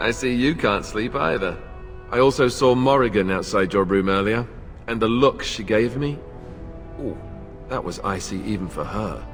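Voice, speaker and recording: A man's voice: on the low side, moderate pace, faint music behind, natural voice. An actor playing a boyish, sarcastic young king-to-be in a fantasy game, joking and exasperated, in a reverberant space. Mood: wry, curious. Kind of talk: dramatic fantasy game dialogue. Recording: long reverberant hall echo.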